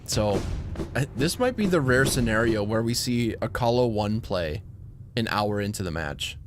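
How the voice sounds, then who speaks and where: A man with a low voice breaks down a live game, weighing each player's options and teasing his co-host dryly. Background noise is clearly audible behind him. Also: animated, moderate pace. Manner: analytical, dry teasing. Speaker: commentator. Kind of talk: casual game commentary.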